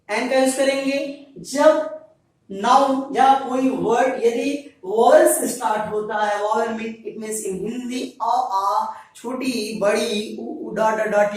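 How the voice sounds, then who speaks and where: High-voiced male teacher in echoey room. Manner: repeats each point and asks students rhetorical questions. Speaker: English grammar teacher. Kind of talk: classroom grammar lesson. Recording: very echoey room, voice far from mic.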